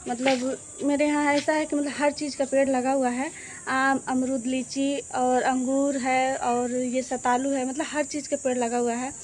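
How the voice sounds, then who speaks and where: A woman's voice: high voice, flat delivery, a little slow, darkish tone, slight background noise. A woman in her thirties with a Bhojpuri-tinged Hindi accent, chatting casually in a vlog, outdoors at a village home, recorded on a phone. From eastern Uttar Pradesh, India. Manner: chatty, repeats "what to say" often. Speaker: vlogger.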